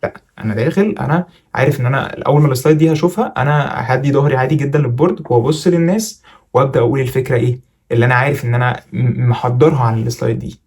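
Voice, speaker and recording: A man's voice: mid-range voice, darkish tone. A man with an Egyptian Arabic accent giving presentation tips in a casual, chatty, jokey tutorial vlog. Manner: rapid, chatty, jokey coaching.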